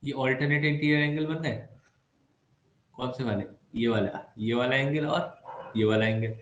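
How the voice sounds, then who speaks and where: Speaking slowly with a medium, slightly bright voice, a maths teacher jokes around in his online lesson, chatting and poking fun at students through side remarks. The lo-fi audio carries some echo and a faint background hum.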